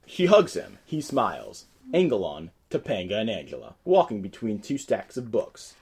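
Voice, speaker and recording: Man reading stage directions, lively. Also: on the low side, normal speed, vocal fry, breathy edge. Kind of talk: script table read.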